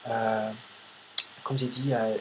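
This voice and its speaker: American man, non-native speaker, halting beginner talk, flat and level delivery, audible background noise. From United States. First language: English. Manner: halting, searching for words. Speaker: language learner vlogger. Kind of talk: casual spoken practice monologue. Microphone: computer microphone. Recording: noisy low-quality home recording.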